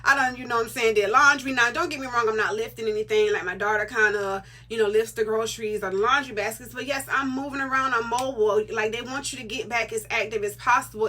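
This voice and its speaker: Talking straight to the camera, this middle-aged vlogger has a bright, forward, fairly high-pitched voice. Her casual style is chatty and emphatic, and she often says a point more than once to make it stick.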